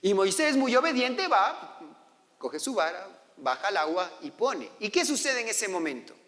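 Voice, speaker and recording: Lively pastor preaching in a reverberant church. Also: male voice, sits high, moderate pace. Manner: storytelling, acting out quoted voices, asking the congregation. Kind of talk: sermon. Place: church hall. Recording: long church hall reverb.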